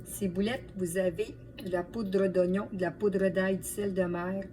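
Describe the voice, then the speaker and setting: A woman's voice: mid-range voice, steady tone, a little slow, warm tone. Quebec French woman, distant mic, chatty cook. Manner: chatty, addresses viewers as friends. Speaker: home cook and video host. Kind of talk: casual cooking demonstration vlog. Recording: distant mic, light background noise.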